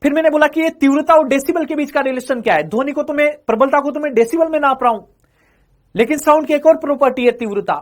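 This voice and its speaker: High-voiced male physics teacher, questioning. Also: fast. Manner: keeps calling students "beta" and quizzing them with questions he answers himself; repeats each phrase several times. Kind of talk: exam-prep classroom lecture.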